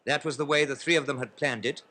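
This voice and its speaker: A man giving old newsreel commentary on a race, formal and brisk, with play-by-play that builds in excitement. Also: medium pitch.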